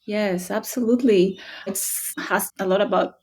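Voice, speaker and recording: Woman, 30s, guest researcher, mid-pitched, thoughtful and friendly. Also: steady tone, darkish tone, breathy edge. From Costa Rica. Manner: thoughtful, friendly, quick to laugh. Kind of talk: casual interview talk.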